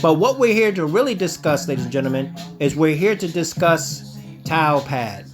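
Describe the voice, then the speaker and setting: A self-assured man in a slightly raised voice lectures viewers through a crypto screen-share, calling them "ladies and gentlemen" and checking in with a steady "okay?". He styles himself a teacher and talks down a little. Faint music plays under him. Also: on the high side, moderate pace. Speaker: crypto channel host.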